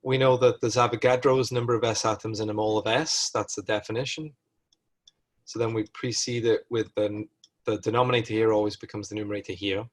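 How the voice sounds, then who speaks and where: Speaking in a lowish, fairly flat voice with a brisk delivery, a male lecturer walks through chemistry problems step by step in a recorded session. He thinks aloud as he goes and corrects himself in the middle of sentences.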